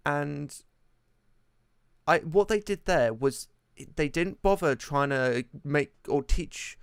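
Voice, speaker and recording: A man's voice: a little high, animated, takes it slowly, creaky, clean tone, no room sound, studio quality. A man talking on a podcast, hesitant and full of restarts as he works out his example. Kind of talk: casual podcast discussion.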